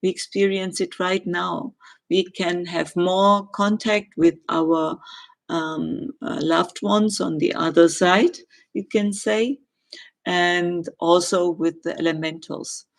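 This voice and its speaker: A middle-aged woman with a German accent, answering viewer questions in a live chat and pausing often with ums and uhs. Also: on the low side, fairly even intonation, gravelly. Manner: hesitant, many ums and uhs, gentle.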